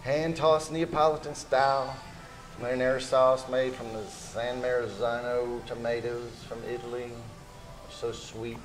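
A man's voice: mid-range voice, little pitch movement, measured pace, soft background music, rough recording. A man, a restaurant chef, explaining his dishes on camera in a plain, matter-of-fact way, listing ingredients. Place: restaurant dining table.

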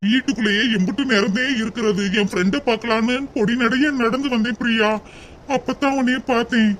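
A man voicing a soft-hearted rich young man in a cartoon, tender and reassuring. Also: extremely high pitch, steady tone, fairly quick, slight background noise. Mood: earnest.

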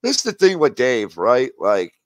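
A man hosts a casual livestream, talking bluntly and mockingly with plenty of swearing. His voice sits at an ordinary mid pitch and is recorded close and dry, with no room sound around it. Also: wildly swooping pitch, moderate pace, dry recording. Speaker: livestream host.

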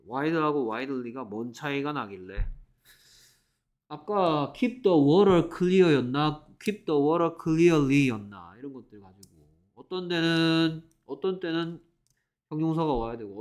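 A man teaching an exam-prep English class to Korean students. He reads English sentences slowly, explains them, and keeps asking the class whether they follow. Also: mid-range voice. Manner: repeats checking questions, reads English slowly then explains.

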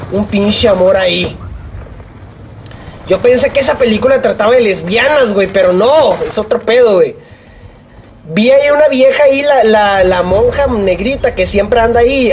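A young man with a Mexican accent giving live gameplay commentary, swearing, joking in rambling asides and yelling at opponents. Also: high voice, a little hiss or hum. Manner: profane, excitable, yells at opponents. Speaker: gaming YouTuber.

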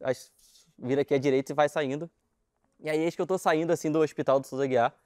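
A young man from Brazil, telling an anecdote as a talk-show guest, animated and slangy, often laughing as he talks. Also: fairly high pitch, fast, clear, resonant tone, no room sound, clean studio sound. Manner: animated slangy storytelling, laughing while talking. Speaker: guest storyteller.

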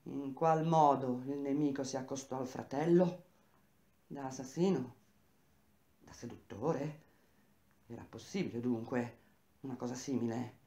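A woman with a low voice reading a novel aloud in first person, intense and emphatic, slowing down on key words. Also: mellow. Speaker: reader of a novel. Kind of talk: dramatic literary reading. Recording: echoey room.

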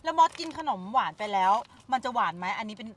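A fast-talking woman in her thirties with a fairly high pitch vlogs casually, strolling a grocery store and later trying food in her parked car. She's excitable and chatty, addressing viewers head-on while holding her phone camera at arm's length. Music plays beneath the phone video.

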